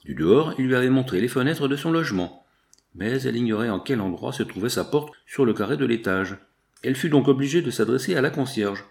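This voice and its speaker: Measured male audiobook narrator. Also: medium pitch, expressive, vocal fry, a little mellow. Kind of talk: scripted literary narration.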